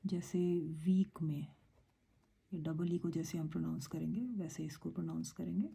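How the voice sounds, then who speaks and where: A woman's voice: deep voice, normal speed, gravelly, mellow, slightly rough. A woman teaching a Korean lesson in a patient, explaining way, switching between Hindi and English. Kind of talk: casual online lesson.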